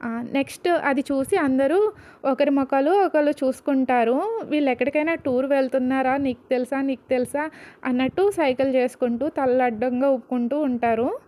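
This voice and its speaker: A woman's voice: high voice, moderate pace, warm tone. A young woman retelling a serial story in a chatty, casual way, addressing listeners with asides and jokes.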